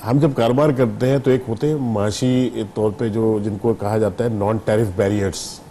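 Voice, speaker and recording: Middle-aged man, from Pakistan, talk-show guest, deep warm voice, deliberate explanations. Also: steady tone, a little hiss or hum. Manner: measured, explanatory, argues patiently. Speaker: business leader guest.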